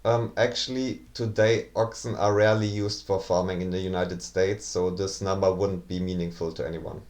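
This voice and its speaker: A man's voice: low-pitched, level tone, normal speed, darkish tone. A man giving rebuttal commentary in a pedantic, sarcastic manner. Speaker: video commentator debunking claims. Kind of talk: rebuttal commentary over clips.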